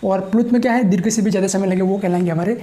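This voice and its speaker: In this grammar lesson, a male teacher speaks slowly as he writes, repeats phrases, and answers his own questions. His voice sits high, with a steady, warm tone.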